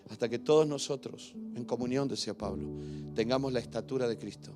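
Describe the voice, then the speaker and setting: An older man, a pastor, preaching a sermon in a church through animated storytelling that swells to loud emphasis. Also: medium pitch, fairly quick, over music.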